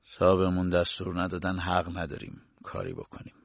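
A man voicing blunt low-ranking guards who talk in a flat, curt and condescending way. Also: gravelly, slightly rough, no room sound, lo-fi sound, full character voice. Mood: smug.

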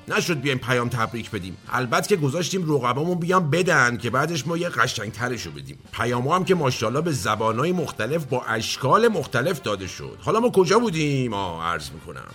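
A man's voice: a little high, pushed and bright, husky, full character voice. A man playing a self-important politician in a satirical comedy monologue, drawling and mock-formal with heavy sarcasm. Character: pompous blustering male politician, self-important. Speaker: comic character host.

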